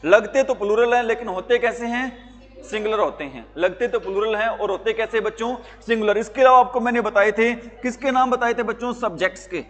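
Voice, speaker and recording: A man's voice: sits high, brisk, in a large hall. A male teacher giving a classroom grammar lesson, drilling his students with repeated questions and waiting for them to answer.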